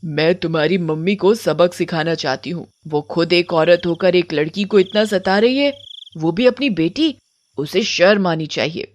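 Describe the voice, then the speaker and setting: A woman's voice: on the low side, moderate pace, slight background noise, close to an everyday voice. A woman voicing a kind-hearted female witch who soothes the girl and talks sternly of revenge.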